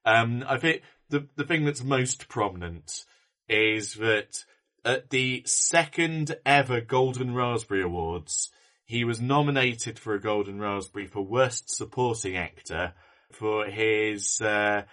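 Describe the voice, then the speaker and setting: A man's voice: on the low side, measured pace, a bit bright. A man co-hosting a casual film podcast, rambling with fillers and restarts. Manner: rambling, many ums and restarts. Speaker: podcast co-host.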